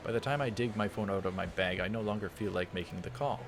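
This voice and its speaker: A man hosts a let's play, reading visual novel text aloud and tossing in casual, offhand remarks. His voice is on the low side and quick, with game music playing behind it.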